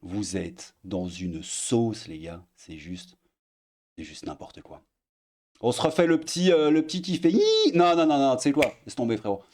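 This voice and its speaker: A man giving casual online commentary as he reads posts aloud, sarcastic, often trailing off into low mutters. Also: wildly swooping pitch, normal speed, a little mellow.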